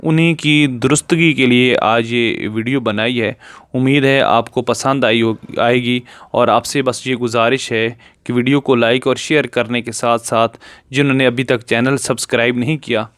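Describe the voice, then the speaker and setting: A man giving a patient video lesson on correct prayer recitation, slowing down to draw out each Arabic word. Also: medium pitch, clear, resonant tone, dry recording. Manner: patient, explanatory, slows down to draw out Arabic words. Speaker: religious teacher.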